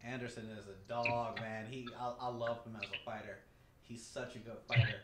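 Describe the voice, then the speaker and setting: A man's voice: medium pitch, steady tone, normal speed. A man in his forties hosting a casual podcast interview from a small home studio, upbeat and chatty, repeating himself with lots of fillers. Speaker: podcast host. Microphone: desk mic on a stand. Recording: echoey room with clear background noise.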